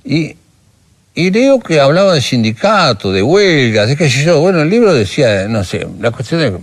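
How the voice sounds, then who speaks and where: A man's voice: fairly high pitch, moderate pace. An older man with an Argentine Rioplatense accent, recounting his memories in a documentary interview and acting out remembered conversations as he talks. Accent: Argentine Rioplatense Spanish. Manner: animated storyteller who acts out remembered dialogue.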